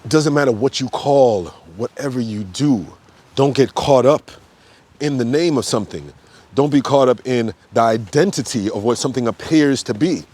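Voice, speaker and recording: A yoga teacher and health coach with a mid-range, slightly mellow voice talks at a moderate pace in a loose, unscripted monologue. He's blunt and profane, breaks into sudden emphatic outbursts, and repeats himself with lots of fillers.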